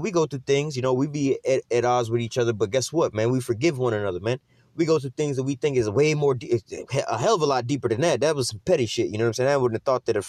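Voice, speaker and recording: A man's voice: medium pitch, darkish tone, no room sound, studio quality. A middle-aged man preaching informally, rambling with loads of fillers and slang.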